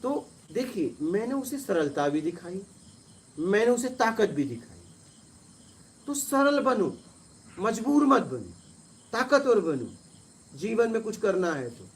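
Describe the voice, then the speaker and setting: A man, a spiritual teacher, telling stories to listeners and acting out quarrels in a rising, forceful voice. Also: high voice, big pitch swings, slow, long pauses. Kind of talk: storytelling talk to listeners.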